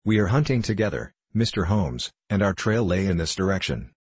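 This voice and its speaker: Brief: male reader as a brisk inspector, deep and husky. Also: very animated, no echo, heavily acted. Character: energetic, capable male police inspector.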